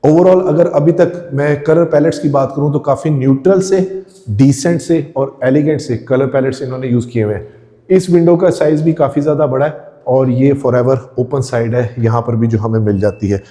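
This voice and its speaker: Mellow-voiced man touring a house. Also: mid-range voice, normal speed. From Pakistan. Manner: enthusiastic, addresses viewers directly, descriptive. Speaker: real estate tour host. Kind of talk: walkthrough house tour narration. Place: indoors, empty house rooms.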